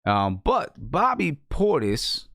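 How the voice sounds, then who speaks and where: A man's voice: on the high side, wildly swooping pitch, slow, creaky, fairly bright tone, no room sound, studio quality. A man hosting a sports talk show, chatting casually and asking his guests for their takes. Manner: conversational, restarts sentences, asks guests for their takes.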